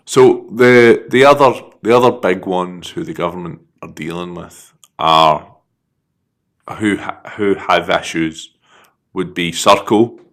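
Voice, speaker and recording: A man's voice: low voice, slow, fairly bright tone. A man with a Scouse accent, co-hosting a casual podcast chat, running through facts with jokes and laughs. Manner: jokey, reads facts out between laughs. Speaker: podcast co-host.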